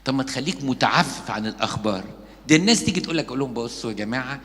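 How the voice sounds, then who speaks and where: A man with an Egyptian Arabic accent preaches at a quick pace, slipping into the voices of the gossips and mockers he describes. His mid-pitched voice rings out with the long reverb of a church hall. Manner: lively storytelling, acting out gossips and mockers. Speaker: Coptic priest. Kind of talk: sermon.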